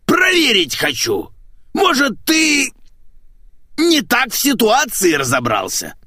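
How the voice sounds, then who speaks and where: A man voicing a furious middle-aged chief editor who yells and shrieks at his staff in an audiobook. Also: extremely high pitch, wildly swooping pitch, slow pace, no room sound, clean studio sound, voice pushed up, exaggerated voice. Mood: furious shouting. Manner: shrieking, yelling.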